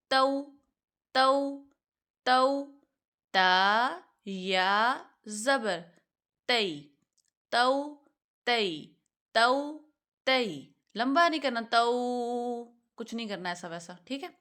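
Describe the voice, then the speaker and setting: Woman tajweed teacher, slightly high voice, slow and patient with repeated sound drills. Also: animated, bright, forceful tone. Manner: patient, repeats rules and sounds slowly for learners. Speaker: Quran recitation teacher. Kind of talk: online tajweed lesson.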